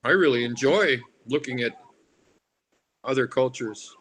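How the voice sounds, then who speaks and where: An older man from Alaska, an artist and carver being interviewed, reminisces casually in a halting, rambling way, restarting often and drifting into tangents. His mid-range voice is a bit bright, and there's noticeable background noise.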